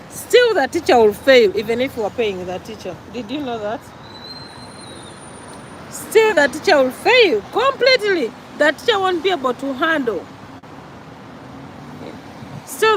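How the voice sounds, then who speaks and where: A woman's voice: high-pitched, big pitch swings, unhurried, fairly bright tone, a little hiss or hum, low-quality recording. A Ugandan woman with a Ugandan accent gives an earnest, preachy vlog monologue, repeating her points for emphasis. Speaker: vlogger.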